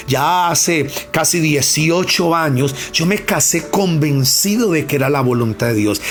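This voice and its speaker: A pastor, preaching emphatically and asking the congregation rhetorical questions. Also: male voice, fairly high pitch, fairly bright tone. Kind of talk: sermon.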